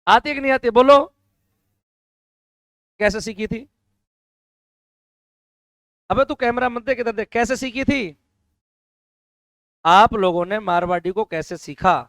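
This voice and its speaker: Hoarse teacher quizzing a class aloud. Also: male voice, sits high, takes it slowly, pauses often, dry recording. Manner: loud call-and-response questioning of students. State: hoarse throat. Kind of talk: classroom lecture.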